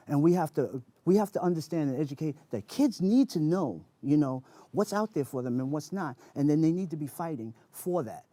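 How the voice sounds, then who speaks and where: A man's voice: a little high, mellow, no echo. A man speaking as an interview guest, earnest and emphatic, repeating phrases to drive points home. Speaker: interview guest, spoken word performer. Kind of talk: conversational interview talk.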